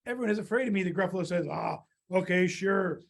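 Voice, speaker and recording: A woman reading a children's story aloud and drawing along, lively and laughing, jumping into small character voices. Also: on the low side, fast. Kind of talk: storytime read-aloud for kids.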